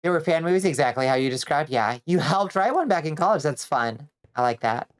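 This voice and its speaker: Congested and nasal, this Georgia-born vtuber talks to her stream in a very deep voice as she games, brisk and animated, drifting from topic to topic, responding to chat and cursing offhandedly.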